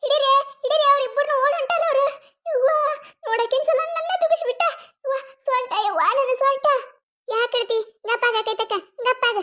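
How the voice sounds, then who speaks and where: A woman with a North Karnataka Kannada accent voicing a loud, quarrelsome village wife in a cartoon comedy, scolding, mocking and wailing. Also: very high-pitched, fast talker, hardly any pauses.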